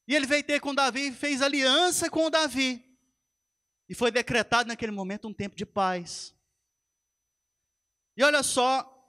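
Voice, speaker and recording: A man's voice: extremely high pitch, sharp tone. A man, a pastor preaching a sermon in a church, retelling a story with animation and speaking straight to the congregation.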